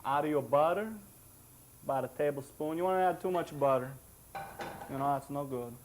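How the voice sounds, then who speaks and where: Male cooking-show co-host with a slightly high voice and a faint hiss behind him. Jokey and chatty, talking viewers through the steps. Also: normal speed. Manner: jokey, chatty, self-satisfied. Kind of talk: cooking demonstration.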